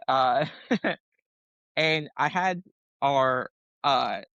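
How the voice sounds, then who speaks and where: A man with a bright, forceful voice tells a rowdy army story with profanity and laughter. The sound is dry and a little dull. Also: medium pitch, extremely slow, creaky, smooth, no echo. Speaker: podcast guest, Army veteran. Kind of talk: casual storytelling.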